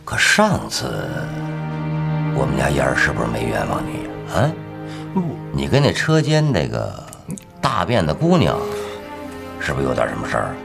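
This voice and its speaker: A man's voice: a bass voice, wildly swooping pitch, normal speed, vocal fry, over music, heavily acted. An actor playing a blunt, sarcastic retired father-in-law over sixty, in a TV drama. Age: older. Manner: scolding, sarcastic. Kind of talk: TV period drama acting.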